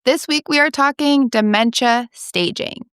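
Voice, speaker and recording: Slow-talking young woman podcast co-host. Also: high-pitched, a bit bright, smooth, no room sound, studio quality. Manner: storytelling, laughs often, unhurried. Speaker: podcast co-host, speech therapist. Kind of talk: casual podcast chat.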